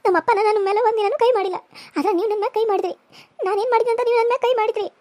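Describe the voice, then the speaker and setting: A woman's voice: very high-pitched, fairly even intonation, racing, darkish tone, no room sound, voice pushed up. A woman voicing a tearful, indignant young bride who protests shrilly.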